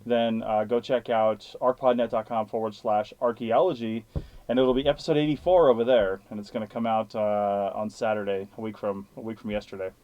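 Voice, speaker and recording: A man's voice: lowish voice, steady tone, brisk, no room sound, lo-fi sound. A man hosting a casual live podcast, chatting in a blunt, matter-of-fact way over hissy, static-laden audio. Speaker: podcast host.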